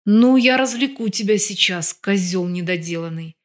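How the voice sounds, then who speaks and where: A brash young woman with a mocking, taunting edge, written into a crime audiobook, as a woman narrator puts her on. Her speech stays close to the reader's own mid-pitched voice, only lightly coloured. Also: normal speed, close to an everyday voice. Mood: sly. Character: bold scheming young woman, mocking and tough.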